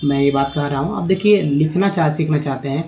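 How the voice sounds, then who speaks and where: A man's voice: fairly high pitch, a little fast, dark tone, muffled recording. A man with a Hindi accent teaching English reading online, reading word lists aloud one word at a time with short pronunciation notes. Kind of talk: online phonics lesson.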